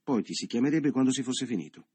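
A man's voice: medium pitch, expressive, fast talker, darkish tone, husky, no room sound, pitched above the performer's own voice. A man voicing an assertive businessman who coaxes and insists, read in an audiobook. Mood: domineering. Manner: insistent, coaxing. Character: assertive businessman lover, persuasive, domineering. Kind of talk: audiobook character reading.

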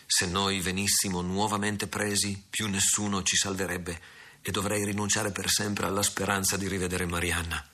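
A man's voice: sits low, little pitch movement, moderate pace, pushed and bright. A man reading the part of a fierce adult pirate captain in an audiobook story, speaking in terse commands. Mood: grave.

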